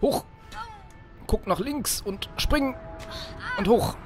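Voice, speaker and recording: A man commentating his own gameplay, yelping, swearing and shouting orders at the game character. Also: high voice, expressive, slow, over music. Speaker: let's play host.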